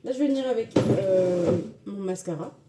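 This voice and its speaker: Heavy background noise runs under this casual makeup tutorial, where a woman talks viewers through her routine at a moderate pace in a mid-range voice. She is chatty and excited about the products, with frequent hesitations and fillers.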